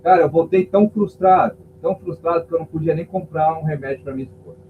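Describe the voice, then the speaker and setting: Speaking quickly in a slightly high voice, a male pastor shares an emotional testimony on a podcast interview, imitating the voices of the people he describes. A faint hum runs under the tinny, phone-like audio.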